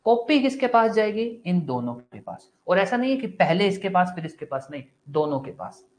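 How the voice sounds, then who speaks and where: A man's voice: sits high, sing-song, normal speed, darkish tone. A male law teacher giving a live online class, asking questions and answering them himself in a casual, encouraging way. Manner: casual and encouraging, mixes Hindi with English terms.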